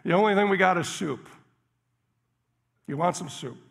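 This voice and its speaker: A man doing a loud, brusque diner cook. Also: on the high side, monotone, slow pace, gravelly, in a large hall, full character voice. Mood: gruff. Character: gruff, loud male diner cook in a greasy apron.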